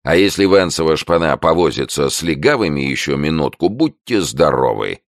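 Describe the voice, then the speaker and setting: A big, cocky brawler with red hair talks loudly and slowly with a swagger, played by a man reading a storybook. His voice is gravelly and very deep. The sound is dry and close. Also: animated, no echo. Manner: loud, slow, swaggering.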